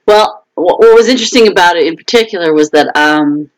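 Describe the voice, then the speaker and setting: A woman author chats informally on her own livestream, venting frustrations with fillers and false starts. Her voice is fairly low and brisk, and the recording is rough.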